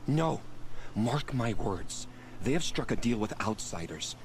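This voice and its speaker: A man's voice: medium pitch, sing-song, measured pace, a crowd in the background. An actor playing a frightened, grumbling male herb gatherer in a video game. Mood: fretful. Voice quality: grumbling, fretful. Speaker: game character. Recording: game audio with faint background noise.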